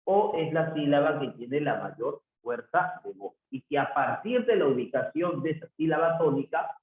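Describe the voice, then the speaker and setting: A man teaching a class online, who keeps asking "¿no es cierto?" and acts out his students' questions himself. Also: a little high. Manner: repeats the tag "¿no es cierto?" often, voices imagined student questions himself. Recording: echoey room over a tinny phone-like line.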